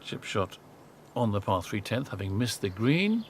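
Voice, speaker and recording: A man's voice: fairly low pitch, fairly even intonation, moderate pace, slight background noise. A man giving live golf commentary in short, descriptive phrases.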